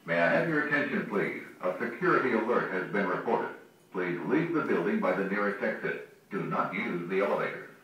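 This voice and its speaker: A man calmly repeating a recorded security alert, heard over a building intercom. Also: on the low side. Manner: calm, measured, repetitive. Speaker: building announcement. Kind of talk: recorded looping alarm announcement. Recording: echoey loudspeaker heard from far off.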